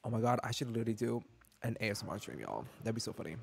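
Animated young male game streamer. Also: lowish voice, very fast, gravelly, a little hiss or hum. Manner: animated and chatty, full of slang. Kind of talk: casual gaming stream chat.

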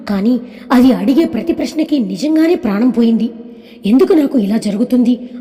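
A woman with a high voice reads a family drama aloud, slipping into each character with a light change of tone. Her voice is mellow and soft at the edges. It rings with a long reverb, as if read in a large echoing room. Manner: voices all characters herself with small pitch lifts. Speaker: story narrator.

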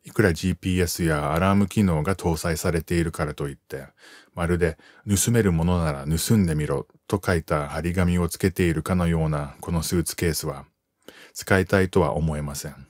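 A man raised in the United States reading an article aloud for language learners, in a calm, measured way that slows down to spell out terms. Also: sits low, no echo, studio quality.

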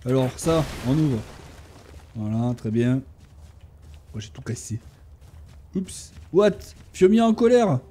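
Excitable man voicing his gameplay. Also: mid-range voice, slow pace, pauses often, slight background noise. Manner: excitable, talks to his tamed animals, shouts and cheers in fights. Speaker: gaming YouTuber. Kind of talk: casual gameplay commentary.

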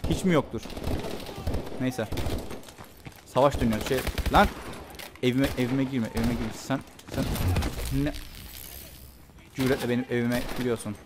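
A young man talks over his shooter game in a loose, joking way, yelping and cursing when the fights heat up. Gunfire and game noise sound clearly behind his mid-pitched voice. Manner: joking, excitable, swears and yelps during fights. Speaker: gameplay commentator. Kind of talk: let's play commentary.

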